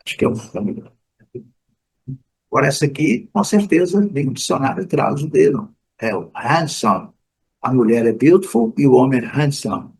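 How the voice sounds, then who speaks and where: A man from Brazil giving a casual, unscripted pronunciation lesson, full of fillers and restarts, repeating example words slowly. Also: medium pitch, vocal fry, darkish tone, breathy edge, rough recording. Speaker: English teacher.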